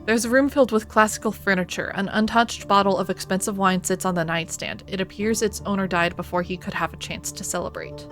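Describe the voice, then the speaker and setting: A woman streaming a video game, reading out story text and commenting on it in an expressive, theatrical way. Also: fairly low pitch. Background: music.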